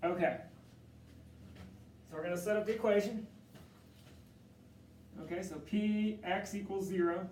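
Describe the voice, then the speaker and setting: Male tutor, high-pitched, coaxing students along, recorded far off in a roomy classroom. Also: steady tone, measured pace, long pauses, darkish tone, slight background noise. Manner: joking, coaxing students through steps. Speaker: math tutor. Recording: echoey room from far off.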